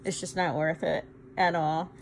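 A middle-aged woman with a fairly low voice speaks with her fingers pressed to her lips, which muffles her words a little. She talks in a chatty, rambling way, full of fillers, like a casual vlogger. Faint background noise sits under her voice. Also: little pitch movement, moderate pace. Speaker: vlogger reviewing her dentures. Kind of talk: casual personal vlog.

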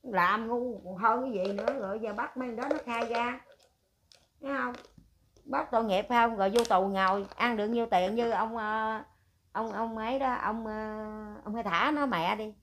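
An older woman, ranting at length in a rough, scolding way and firing rhetorical questions. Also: on the high side, normal speed, fairly bright tone, a little hiss or hum. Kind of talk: heated casual rant.

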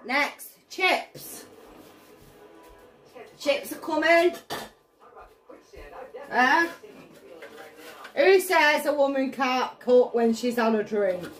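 Woman, Northern English, tipsy and giggly, slow casual kitchen chatter with blunt exclamations. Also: high-pitched, a bit bright, soft background music. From northern England. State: tipsy from drink. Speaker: home cook vlogger. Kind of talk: casual cooking chat. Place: indoors in a home kitchen.

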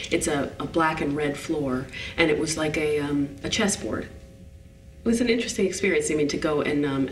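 A woman in her forties gives a behind-the-scenes interview on an indoor studio set, describing it at an unhurried, searching pace. Her voice sits a little back from the mic. The large interior adds a roomy echo around her. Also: low voice, recorded from a distance, a little hiss or hum. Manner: thoughtful, descriptive, pauses to find words. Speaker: set designer.

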